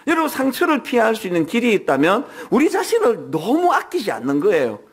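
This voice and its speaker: A man's voice: sits high, huge pitch swings, fairly quick, breathy edge. A man in his sixties, the senior pastor, preaching a Sunday sermon in a church, telling personal stories with humor and asking the congregation frequent rhetorical questions. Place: church sanctuary.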